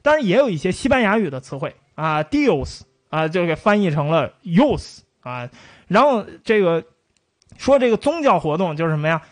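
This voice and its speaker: A man with a high, bouncy voice gives a relaxed history talk and hams up odd pronunciations as he goes. The sound is close and dry, with no room around it. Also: normal speed, no echo. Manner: lively storytelling with playful mock pronunciations. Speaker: history lecturer. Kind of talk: casual spoken history lecture.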